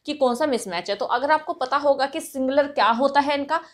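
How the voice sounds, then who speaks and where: Casting: Indian woman grammar teacher, high voice, patient explainer who keeps checking students follow. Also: a little fast. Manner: explains patiently, often checks in with "right" and "okay". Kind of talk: exam-prep grammar lesson.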